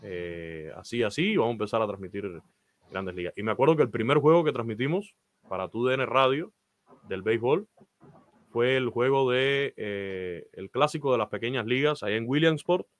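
A Cuban man in his thirties, a baseball announcer, tells his career story and gives earnest advice on a video call, his Cuban Spanish accent marked by frequent "eh" fillers. His mid-range voice is expressive at a normal speed, recorded indoors in a small room with no echo.

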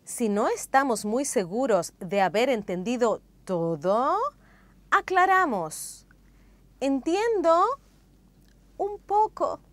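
A woman narrating a language course in a slow, clear, explanatory way. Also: a little high, big pitch swings, no room sound. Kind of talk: scripted lesson narration.

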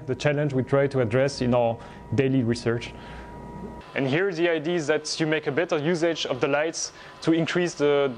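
A man in his thirties, a research group leader, explaining his work in a measured way with frequent pauses, filmed in a laboratory. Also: medium pitch, a little mellow, slight background noise. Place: laboratory indoors.

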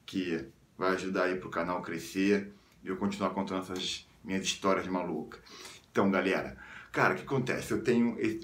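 A young man from the suburbs of Rio de Janeiro with a Carioca accent, telling a story casually in slang and jumping into high squeals when he quotes people. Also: echoey room. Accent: Carioca Brazilian Portuguese. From Rio de Janeiro suburbs, Brazil. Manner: slangy, animated, jumps into high squeals when quoting others. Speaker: vlogger.

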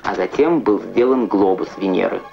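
A man reading scripted educational science newsreel narration in a measured, declamatory way with precise diction. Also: low-pitched, vocal fry, over music. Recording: muffled vintage Soviet film soundtrack.

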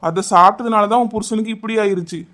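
A man's voice: sits high, fast, fairly bright tone. Man voicing a stern cartoon doctor. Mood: grave. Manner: grave, lecturing. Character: stern village doctor, middle-aged man.

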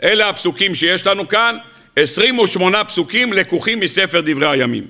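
High, bright-voiced rabbi telling parables. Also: male voice. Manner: lively storytelling with parables; asks the listeners rhetorical questions. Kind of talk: weekly Torah sermon.

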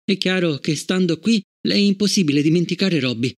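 Un uomo che fa una madre severa e fiera. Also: male voice, sits high, brisk. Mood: cold firm. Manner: firm and cold. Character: stern, proud middle-aged mother.

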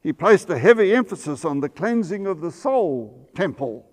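A man in his eighties, a pastor, giving a measured history lecture while seated at a table in a church, sometimes correcting himself. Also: high-pitched, very animated. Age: 80s. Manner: measured storytelling, some self-corrections. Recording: long church reverb.

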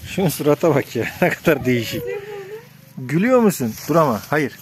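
A man's voice: a little high, sing-song, a little fast. Man commanding dogs outdoors, noisy. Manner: firm commands to dogs, chatty asides to viewers. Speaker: vlogger feeding dogs. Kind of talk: casual outdoor vlog.

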